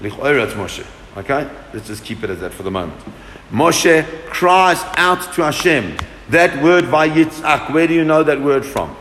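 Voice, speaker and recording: A man's voice: fairly high pitch, sing-song, moderate pace, fairly bright tone, slight background noise. A man teaching a Torah class to a group, asking questions and answering them with emphasis. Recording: echoey room with long reverb.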